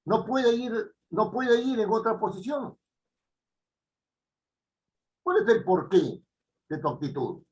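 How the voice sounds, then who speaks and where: A man with a Peruvian Spanish accent teaches grammar, his voice sitting high and swinging widely in pitch. He leans on tag questions and drives points home with emphasis. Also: big pitch swings, takes it slowly, long pauses, rough recording. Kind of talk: online writing lesson.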